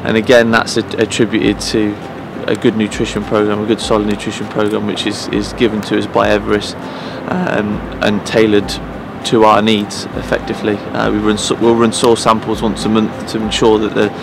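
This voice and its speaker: In a promotional piece filmed outdoors at pitch side in an empty stadium, a head groundsman in his thirties addresses the camera earnestly. His delivery is monotone and creaky, broken by frequent pauses, fillers, and restarts, over background noise.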